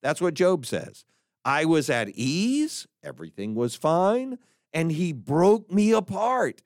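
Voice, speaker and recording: A man's voice: a little high, very animated, slow pace, no room sound, studio quality. A man preaching a sermon, reading scripture aloud with emphasis and breaking into conversational asides.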